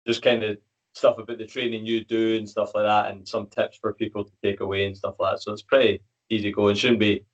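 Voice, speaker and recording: Laid-back podcast host. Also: male voice, lowish voice, muffled recording. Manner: easygoing, lots of "kinda" and "stuff like that". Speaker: podcast host, fitness coach. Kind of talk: casual podcast hosting.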